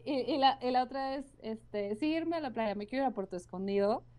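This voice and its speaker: A woman's voice: a little high, animated, brisk, darkish tone. A woman with a Mexican Spanish accent talking casually and earnestly about her own experience, with lots of fillers. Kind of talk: casual conversation.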